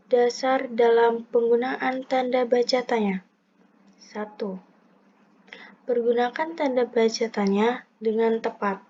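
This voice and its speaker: A woman's voice: on the high side, dark tone. A young woman reading a scripted lesson aloud, setting out each point one by one in a methodical way. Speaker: presenter explaining punctuation. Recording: dull lo-fi recording.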